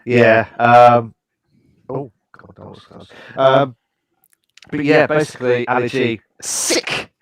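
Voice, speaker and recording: A British man co-hosting a podcast, chatting casually with many fillers, restarts and hesitant pauses. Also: medium pitch, steady tone. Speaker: podcast co-host. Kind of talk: casual chat.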